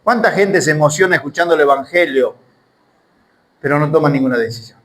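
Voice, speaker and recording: Preacher, male, high-pitched voice, emphatic sermon delivery with rhetorical questions. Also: fairly quick, a bit bright, rough recording. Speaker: Bible teacher.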